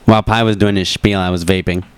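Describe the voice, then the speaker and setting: A man's voice: low-pitched, steady tone, fast, a little hiss or hum. A man hosting a podcast in casual chat, joking and rambling, correcting himself, with a cough. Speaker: podcast host.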